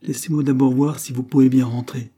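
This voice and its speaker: A man reading aloud voices a courteous young man who speaks in a measured way. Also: medium pitch, level tone, mellow, pitched above the performer's own voice, natural voice.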